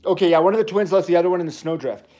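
A man in his thirties hosting a toy livestream from his family home, rambling and chatty with quick asides to viewers. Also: sits high, mellow. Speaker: toy channel host. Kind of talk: casual livestream chat.

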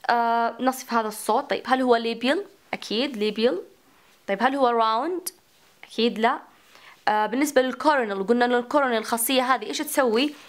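Woman lecturer, slightly high voice, talks herself through questions. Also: rapid-fire. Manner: mixes English terms into Arabic, asks and answers her own questions. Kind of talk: recorded phonetics lecture.

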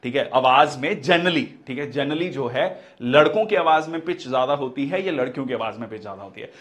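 A man's voice: medium pitch, expressive, brisk, fairly bright tone. A man teaching physics for exam prep, explaining step by step and often repeating key terms and checking in with "theek hai".

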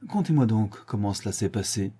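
A man voicing a curious society gentleman in a storybook, asking questions. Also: fairly low pitch, expressive, brisk, husky.

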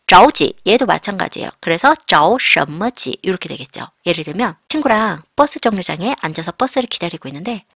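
Bright, lively woman teaching a language lesson. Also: fairly low pitch, no room sound, clean studio sound. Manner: lively, acts out short everyday dialogues with playful sass. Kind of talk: classroom-style language lesson.

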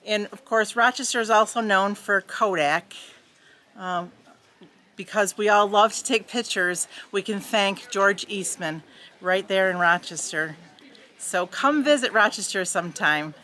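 A woman's voice: mid-range voice, unhurried, bright, forceful tone, slight background noise. A woman from New York State enthusiastically introducing her hometown to camera outdoors by a lake. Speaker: insurance agent.

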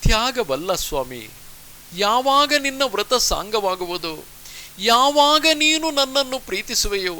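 A man voicing a devoted young wife in an audiobook, speaking in soft, earnest pleas. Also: very high voice, big pitch swings, unhurried, pitched above the performer's own voice, exaggerated voice.

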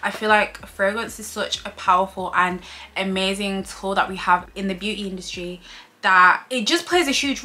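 This young woman from Leeds, England is a beauty vlogger talking casually to camera indoors in her bedroom. She has a Yorkshire accent and a sharp, mid-range voice, and her manner is bubbly as she gestures with her hands.

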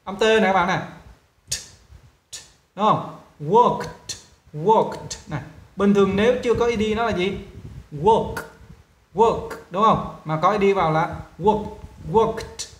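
A male English teacher with a Vietnamese accent, walking students through pronunciation and repeating model words slowly while checking whether they follow. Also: high voice, fairly bright tone, reverberant. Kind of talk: pronunciation lesson.

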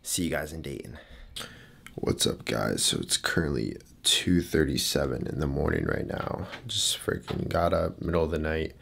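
A man talking casually to his vlog camera on the go, chatty and relaxed with lots of filler words. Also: extremely low pitch, moderate pace, creaky, slight background noise. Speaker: fitness vlogger. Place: on the go: home, car, mall, airport. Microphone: camera-mounted shotgun mic. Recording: background music mixed under voice.

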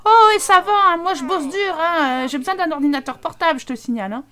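A woman's voice: extremely high pitch, fast, bright, forceful tone, voice pushed up. A woman voicing a lazy, defensive young husband in a life-sim game, grumbling dismissively. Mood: annoyed.

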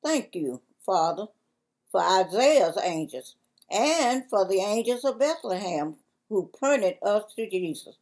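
An older woman with a Southern US accent, slowly and carefully reading a church devotion in a library on a lapel mic. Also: medium pitch, animated, a little mellow, poor audio. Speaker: devotion reader.

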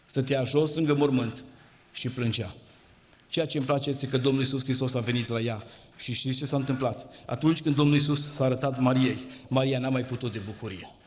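A man preaching a sermon in a church, with an impassioned, sing-song delivery that rises and drops. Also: medium pitch. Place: church hall. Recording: long hall reverb.

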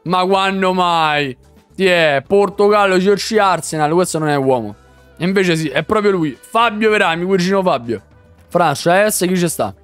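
A young man commentates a video game pack opening in a high, excitable voice. He swears freely and breaks into shouts. Faint music plays underneath. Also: moderate pace. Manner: loud, swearing, shouts at big pulls. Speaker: gaming streamer.

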